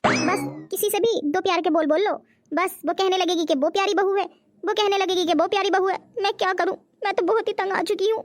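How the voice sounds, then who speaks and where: A woman's voice: very high-pitched, steady tone, fairly quick, no room sound, studio quality. A woman voicing a patient, forgiving elder sister-in-law in a cartoon, speaking soothingly. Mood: grumbling. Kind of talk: cartoon voice acting.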